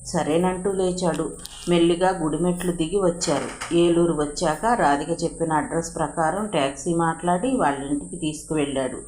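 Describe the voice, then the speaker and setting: A woman narrating a novel in a steady, expressive storytelling reading. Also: sits low, normal speed, soft background music. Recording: roomy echo.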